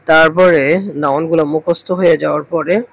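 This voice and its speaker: A man's voice: on the high side, steady tone, normal speed, creaky, rough recording. A man teaching English vocabulary, drilling words one at a time and having students repeat after him. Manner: drills words with repetition, switching between English and Bengali.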